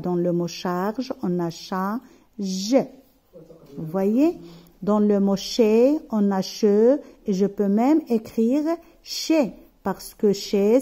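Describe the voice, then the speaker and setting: A woman teaching a slow, careful phonics lesson, sounding out syllables and stopping to check that her students follow. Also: medium pitch, warm tone.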